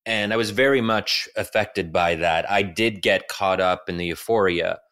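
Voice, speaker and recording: Low-voiced man explaining thoughtfully. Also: normal speed, fairly bright tone, clean tone. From United States. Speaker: guest author. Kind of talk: interview answers.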